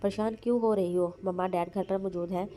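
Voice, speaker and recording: A caring older brother from an audio novel, read by a woman narrator. He reassures softly and calmly. The voice is warm and flat. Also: mid-range voice, fairly quick, natural voice. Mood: soothing. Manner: soothing, reassuring.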